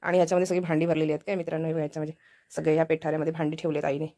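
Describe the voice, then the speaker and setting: A woman vlogger talks at a brisk clip, chatting to her viewers in a friendly way. She walks around her village home with a handheld phone, pointing things out as she goes. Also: sits low, level tone, dark tone. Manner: chatty, walks about showing the house. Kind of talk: casual vlog chat.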